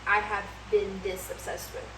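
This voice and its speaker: A woman's voice: medium pitch, flat delivery, normal speed. Easygoing young woman, echoey distant mic. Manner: easygoing, self-deprecating, chatty. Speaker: podcast co-host. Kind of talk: casual chat. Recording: echoey room, distant mic, clear background noise.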